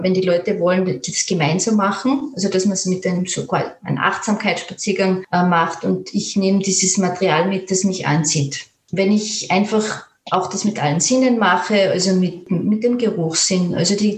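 A woman, a creative therapist who gently leads a guided imagery exercise and then answers interview questions calmly. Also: fairly low pitch. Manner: calm, gentle, with fillers and restarts. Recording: roomy echo.

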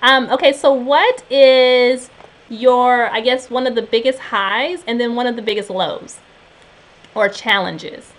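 A woman's voice: fairly high pitch, measured pace. A woman in her thirties hosting an interview, encouraging and reacting often. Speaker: interview host. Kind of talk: casual interview chat.

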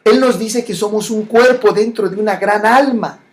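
The speaker offers a reflective spiritual monologue at medium pitch. It's delivered slowly, with repeated phrases and frequent pauses and restarts.

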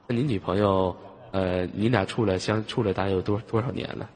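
A man's voice: deep voice, fairly even intonation, a little fast, a little mellow. A man hosting a live online voice chat, bantering and teasing callers in a joking way, often chuckling as he talks. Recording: noisy, long hall-like reverb on the mic.

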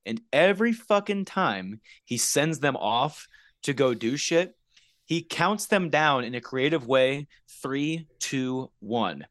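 A man's voice: mid-range voice, slow pace, no echo, clean studio sound. A young man hosting a casual podcast chat, ranting with lots of swearing and laughter. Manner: animated, swearing, laughing rants. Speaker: podcast host.

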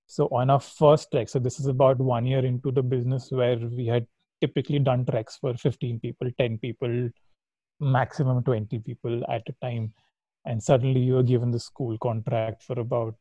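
Male interview guest, Indian accent, relaxed soft-edged tone, informal storyteller, very dry sound. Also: mid-range voice, no room sound, rough recording. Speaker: guest, trekking company founder.

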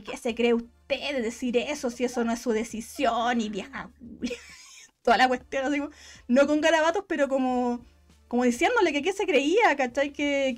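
A young woman with a Chilean accent, telling a personal story in casual, slangy chat and voicing the people in it. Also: high-pitched. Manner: fast, slangy, animated storytelling with voiced quotes.

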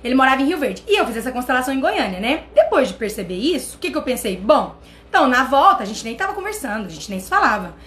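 A Brazilian woman with a Brazilian accent, hosting a channel and telling a personal story in an animated way, talking straight to her viewers. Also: sits high, fast. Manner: animated, addresses viewers directly. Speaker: channel host.

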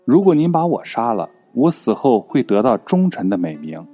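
A man's voice: mid-range voice, very animated, moderate pace, mellow, breathy edge, faint music behind. A man voicing a loyal minister who speaks plainly to his king. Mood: defiant. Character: loyal grieving male minister, blunt and earnest.

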